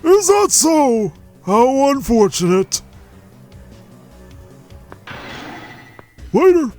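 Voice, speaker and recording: A man's voice: very high-pitched, very animated, slow pace, a little mellow, faint music behind, pitched above the performer's own voice, exaggerated voice. A man voicing a grandiose, scornful old male cult leader in a put-on generic old man voice. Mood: dismissive. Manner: preachy, scolding.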